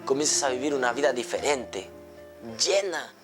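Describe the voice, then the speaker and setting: A man's voice: mid-range voice, lively intonation, normal speed, over music. A male pastor preaching a sermon with a repetitive cadence that builds into a fervent appeal.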